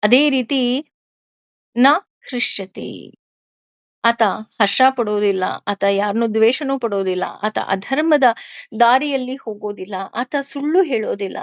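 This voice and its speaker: A woman's voice: fairly high pitch, a little slow, long pauses, no room sound. A woman explaining Sanskrit scripture verse by verse, with everyday examples and frequent questions to her listeners. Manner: lively, asks listeners questions. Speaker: spiritual teacher. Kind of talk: discourse on scripture.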